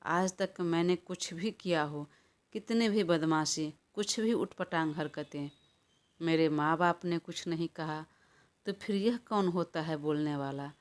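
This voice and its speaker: A woman's voice: sits low, unhurried. A woman reading an audio story, voicing a stubborn, hot-tempered young woman in a quarrelsome, defiant manner. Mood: indignant. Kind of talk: audiobook character voice.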